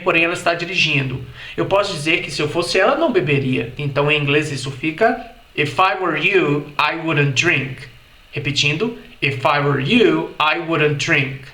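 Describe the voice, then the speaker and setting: A man whose first language is Portuguese teaches English, saying each example sentence slowly and then repeating it. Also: fairly high pitch, sharp tone, roomy sound.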